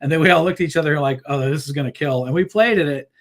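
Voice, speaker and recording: A fast-talking man with a fairly high pitch appears as a musician guest on an interview show, rambling casually about his band. Fillers and restarts pile up as he laughs easily and tells his stories with lots of energy.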